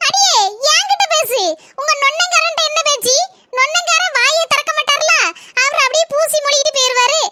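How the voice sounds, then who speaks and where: A woman voicing a sharp-tongued young wife in a cartoon, scolding with quick comebacks in a Kanyakumari Tamil accent. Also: extremely high pitch, dry recording. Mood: quarrelsome.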